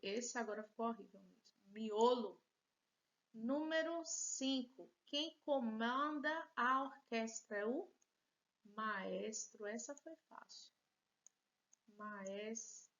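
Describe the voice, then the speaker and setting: A woman's voice: a little high, takes it slowly, fairly bright tone, dull audio. A woman teacher with a Brazilian Portuguese accent, giving a patient, encouraging lesson and joking about her own handwriting. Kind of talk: recorded remote class lesson.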